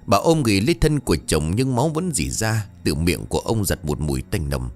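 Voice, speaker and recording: Sex: man. Style: scripted ghost story narration. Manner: dramatic. Pitch: low-ish. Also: fairly quick, soft background music. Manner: dramatic, expressive reading.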